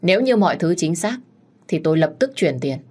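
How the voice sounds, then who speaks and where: A woman reading the lines of an anxious, protective young husband in a storybook tale, in a low husky voice. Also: very animated, a little fast, mellow. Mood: tense.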